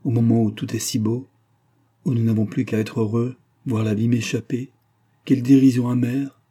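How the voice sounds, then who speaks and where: A man's voice: medium pitch, little pitch movement, normal speed, dark tone, breathy edge, natural voice. A man reading aloud and voicing a feverish, despairing young woman who is dying, with a raised, pleading, tearful delivery.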